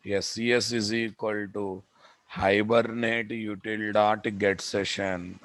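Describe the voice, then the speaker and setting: A male programming instructor with a Telugu Indian accent speaks in a fairly low voice at a measured pace. He dictates code as he goes, repeats phrases and talks straight to his students. The sound is dry and close. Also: little pitch movement, fairly bright tone, no room sound. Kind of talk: live coding lesson, dictating code aloud.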